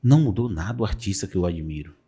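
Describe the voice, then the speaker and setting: A man's voice: deep voice, expressive, fast, dark tone, breathy edge. A man hosting a podcast, talking in a casual, earnest and reflective way with some joking. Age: adult father.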